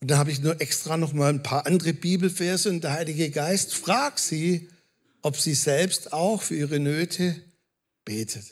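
High-voiced German-speaking pastor preaching. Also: male voice, normal speed. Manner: lively preaching, addresses the congregation directly with questions. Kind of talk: sermon. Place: church hall.

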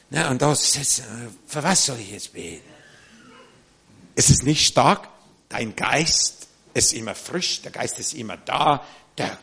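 A man from South Africa preaching a sermon in an animated, warm-hearted way, often checking in with his listeners. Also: mid-range voice, creaky, slightly rough.

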